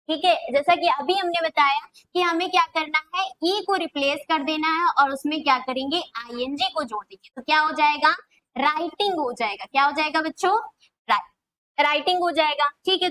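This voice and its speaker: High-voiced woman teaching grammar. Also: pushed and bright, a little hiss or hum, low-quality recording. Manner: repeats questions back to students, drawn-out dictation. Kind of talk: classroom video lesson.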